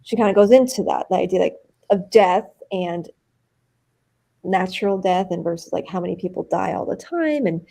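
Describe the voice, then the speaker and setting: A woman actor talks animatedly during a live-stream interview, peppering her speech with "like." Her voice is fairly low and gravelly, and her pace is moderate.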